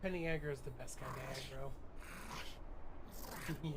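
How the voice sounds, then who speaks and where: A man's voice: medium pitch, fairly even intonation, moderate pace, heavy background noise. A man hosting a gaming channel, chatting casually with teammates as he plays, laughing often and restarting his sentences. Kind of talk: casual let's-play chat with teammates.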